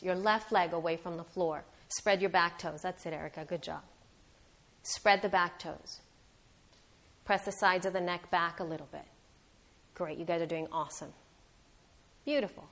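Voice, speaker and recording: A woman teaching a live yoga class, guiding step by step in a careful, unhurried and encouraging way. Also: lowish voice, fairly even intonation, fairly bright tone. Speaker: yoga instructor.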